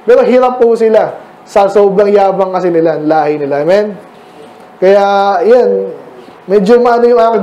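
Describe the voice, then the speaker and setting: A man's voice: extremely high pitch, darkish tone, roomy sound, low-quality recording. A man with a Filipino accent preaching a sermon as pastor, talking with the congregation and asking them questions. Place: church.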